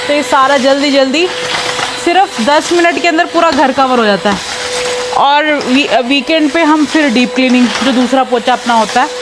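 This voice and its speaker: Young mom vlogging chores, pretty high voice, chatty, phone cam at home w faint household hum. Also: female voice. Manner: chatty, mixes English into Hindi, talks to her child between lines. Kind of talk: casual home vlog chat. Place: home, indoors, while cleaning floors.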